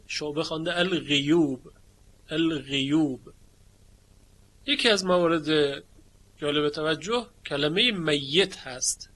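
A man teaching variant readings of the Quran in a lecture, slowly chanting each word in a recitation tone between plain explanations. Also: a little high, bright, forceful tone.

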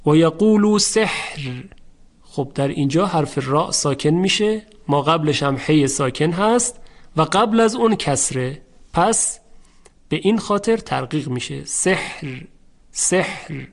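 Male recitation teacher, somewhat high-pitched, measured and patient, slows down to show each word. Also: expressive, creaky. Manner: measured, repeats words slowly to demonstrate. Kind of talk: recitation lesson, explaining rules and chanting verses.

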